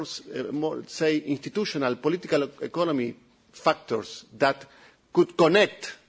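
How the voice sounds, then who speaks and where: A man's voice: on the high side, husky. A man with an Italian accent presenting a report to an audience, often repeating words and restarting.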